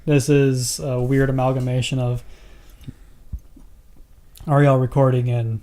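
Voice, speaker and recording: A man's voice: mid-range voice, flat delivery, measured pace, mellow. A man co-hosting a casual podcast, chatting and joking about movies. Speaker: podcast co-host.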